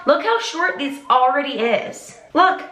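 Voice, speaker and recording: A woman's voice: sits high, animated, a little slow, sharp tone, roomy sound. A young woman in her twenties chatting casually in a vlog, bubbly and giggly. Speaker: vlogger.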